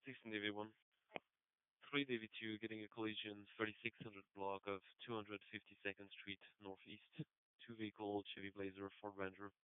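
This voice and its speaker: A man working as a police dispatcher, heard over a police radio transmission, reading calls in clipped, even procedural codes. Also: fairly low pitch, fairly quick, clean tone, no room sound. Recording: narrow-band, dry police radio.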